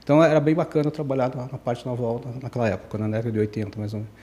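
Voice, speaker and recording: On a casual podcast interview, a guest engineer in his sixties who grew up in Brazil tells his life story, rambling and correcting himself along the way. He talks very fast in a steady, mellow, mid-range voice.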